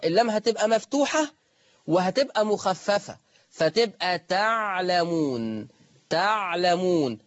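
High-voiced Egyptian man teaching Quran recitation. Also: no echo, dull audio. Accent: Egyptian Arabic. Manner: explains step by step in colloquial speech, chants recitation examples slowly. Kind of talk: lesson on the reading of Warsh.

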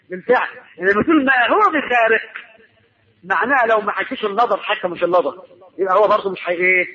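A man's voice: high-pitched, quick pace, sharp tone, highs cut off. A man with an Egyptian Arabic accent gives a colloquial religious lesson on Arabic grammar, asking his audience questions and answering them himself. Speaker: preacher teaching Arabic grammar.

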